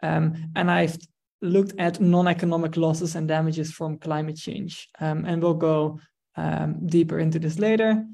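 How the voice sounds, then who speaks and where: A man from the Netherlands, giving an online research presentation over a video call, measured and full of ums. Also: fairly high pitch, fairly even intonation, gravelly, a little mellow. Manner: measured, with frequent ums and restarts.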